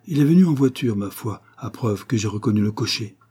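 A man voicing a talkative old female ragpicker, gossipy, with lively rises in pitch. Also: fairly quick, breathy edge. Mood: chatty.

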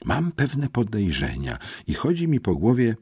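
A man's voice: lowish voice, wildly swooping pitch, unhurried, dark tone, husky, no echo, clean studio sound, voice pushed up, heavily acted. A man reading an audiobook, voicing a secretive teenage schoolboy who murmurs his plans mysteriously.

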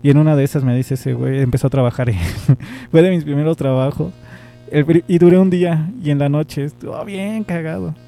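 Gravelly-voiced Mexican man telling stories. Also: on the high side, brisk, dark tone, faint music behind. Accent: Mexican Spanish. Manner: rambling, slangy, laughs often. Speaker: amateur radio-style host. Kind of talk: casual personal storytelling.

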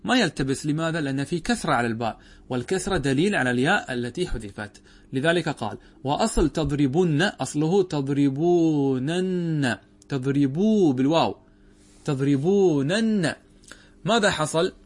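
A man's voice: fairly high pitch, lively intonation. Man teaching a patient grammar lesson. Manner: explains step by step, asks and answers his own questions; drawls out example words slowly. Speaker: sheikh teaching Arabic grammar.

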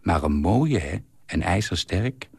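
A chatty, gossipy middle-aged woman, as a man reads her part. Her talk swings widely in pitch over a lowish voice, and the sound is close and dry. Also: measured pace, vocal fry, slightly rough, no room sound, heavily acted. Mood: confiding, chatty. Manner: lively, confiding storytelling. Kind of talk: reading a literary column aloud.

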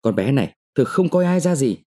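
A man's voice: mid-range voice, very animated, fairly quick, warm tone. A male narrator voicing a blustering middle-aged mandarin husband who argues with his wife.

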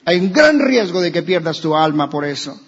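A Colombian man preaching a sermon as a pastor, animated, acting out quoted voices and rising at times to shouts. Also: on the high side, moderate pace, husky, long reverb tail, muffled recording. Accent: Colombian Spanish. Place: church.

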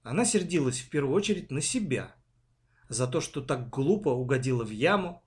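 A man narrating a children's story in a dramatic, expressive reading. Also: medium pitch, a little fast.

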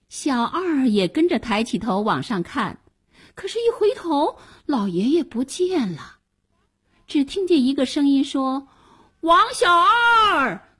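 Slow, husky woman storyteller. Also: high-pitched, darkish tone. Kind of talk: children's story narration.

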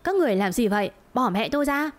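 A woman voicing a wronged young daughter, fierce and defiant, speaking in a sharp, resolute way in a storybook tale. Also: fairly high pitch, expressive, quick pace, lightly acted.

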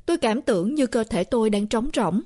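A woman narrating a first-person story in a steady, somber reading voice. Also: fairly high pitch, a little fast, no room sound, studio quality.

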